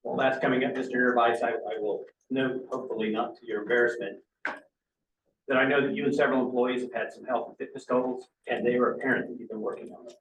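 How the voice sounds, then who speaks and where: A man's voice: medium pitch, fairly even intonation, fast talker, a bit bright. A man acting as board chairman, speaking formally and courteously as he runs meeting procedure. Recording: distant, roomy, dull, faint noise.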